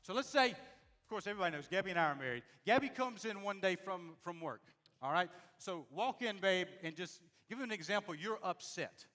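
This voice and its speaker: A man giving a lively motivational talk on a stage to a live audience, often asking the crowd if it makes sense. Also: high-pitched, a little fast. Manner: lively, addresses audience directly, asks "make sense?". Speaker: speaker on leadership and communication.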